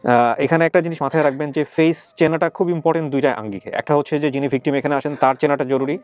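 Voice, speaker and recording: Brisk male host, quick talk. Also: a little high, darkish tone, no echo. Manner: brisk, directing guests, mixes in English words. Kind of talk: reunion program hosting.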